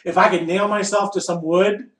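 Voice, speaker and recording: A man giving an informal spiritual discourse to a group, wry and emphatic, pausing deliberately between short phrases and putting rhetorical questions. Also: high voice, steady tone, a bit bright. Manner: wry and playful, asks and answers rhetorical questions. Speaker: spiritual teacher leading a group satsang. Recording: echoey room, voice distant from mic.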